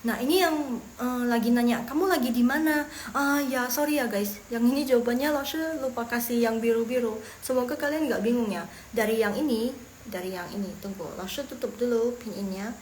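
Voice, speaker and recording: A woman's voice: on the high side, a little mellow. Chatty woman teaching Mandarin, echoey room. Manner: chatty, explains slowly, repeats phrases. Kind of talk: casual online language lesson. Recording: echoey room with faint noise.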